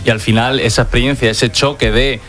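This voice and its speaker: A young man from Madrid co-hosts a radio show from the studio. His voice is mid-pitched, and he chats in a friendly, easygoing way. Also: steady tone, brisk, fairly bright tone. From Madrid, Spain. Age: young adult. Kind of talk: casual chat.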